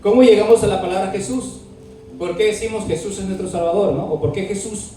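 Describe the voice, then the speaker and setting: A man's voice: sits high, a little fast, mellow. A man teaching a Bible class, asking his students questions and spelling words out letter by letter. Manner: asks the class questions often. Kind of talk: classroom lesson with dictation. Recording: very echoey room, mic far off, faint music.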